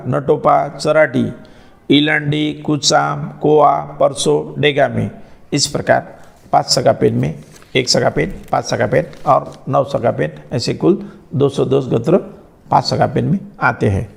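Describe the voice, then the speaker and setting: A man slowly reciting a long list of names in a steady, monotone way. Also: medium pitch, creaky, slightly rough.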